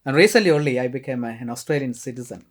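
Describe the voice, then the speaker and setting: A man's voice: medium pitch, animated, very fast, a crowd in the background. A middle-aged priest from Kerala, India, with an Indian accent and Malayalam as his first language, talking casually and hesitantly as a podcast guest. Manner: soft-spoken, hesitant with many fillers, laughs often. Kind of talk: casual interview conversation.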